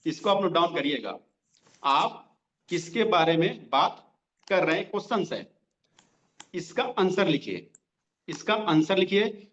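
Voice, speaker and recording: A man running a direct selling training session, talking directly to his listeners and repeating each line slowly so they can write it down. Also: high-pitched, animated, a bit bright. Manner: repeats lines slowly for note-taking; conversational, addresses listeners directly. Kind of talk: sales training lesson. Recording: dull lo-fi sound.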